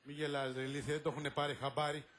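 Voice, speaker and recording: A man's voice: fairly high pitch, flat delivery, fairly bright tone, a little hiss or hum, lightly acted. An actor playing a bumbling lovesick man who mutters clumsy asides and scolds his helper, in an old film comedy. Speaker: comic lead in a film. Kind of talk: 1960s Greek film comedy acting.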